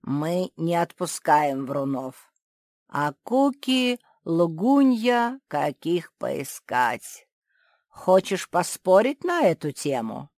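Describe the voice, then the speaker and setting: A woman voicing a scheming old male ant who speaks in slow, coaxing, drawn-out phrases. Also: on the low side, very animated, darkish tone, no room sound, studio quality, full character voice. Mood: sly.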